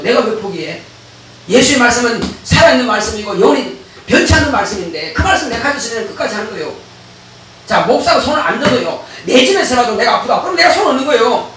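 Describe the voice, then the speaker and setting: A male pastor preaches a lively sermon in a high, bright, forceful voice. He often laughs, acts out conversations and breaks into shouts. The sound comes from a distance in a very echoey church with faint background noise. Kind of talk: animated sermon. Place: church sanctuary.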